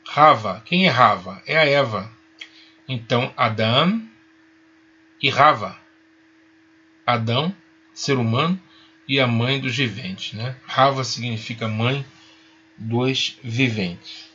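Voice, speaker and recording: A man teaching a Hebrew lesson, patient and reassuring, spelling out each sound slowly. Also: mid-range voice, bright, forceful tone, breathy edge, muffled recording. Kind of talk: recorded online lesson.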